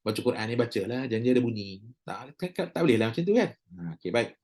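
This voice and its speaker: A man's voice: mid-range voice, big pitch swings, darkish tone. Chatty Malaysian Malay man teaching recitation. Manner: chatty, joking, models sounds by drawn-out demonstration. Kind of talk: casual recorded class lecture.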